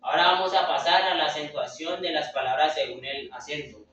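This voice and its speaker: A man's voice: on the high side, fairly quick, pushed and bright, a little hiss or hum. A young man giving a class presentation, hesitant and filler-heavy, often restarting his words. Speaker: student presenter. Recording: echoey room, far from mic, dull lo-fi.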